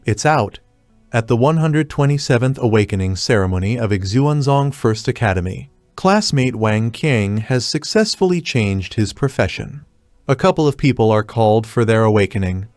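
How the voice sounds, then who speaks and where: A man narrating a scripted story recap in an even, steady way. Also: medium pitch, no room sound.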